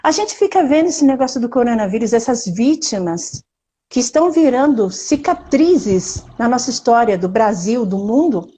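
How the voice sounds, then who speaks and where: Expressive Brazilian woman, mellow voice. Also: on the high side, normal speed, breathy edge. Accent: Brazilian Portuguese. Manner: expressive, emphatic, talks straight to the audience. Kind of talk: casual live-stream conversation.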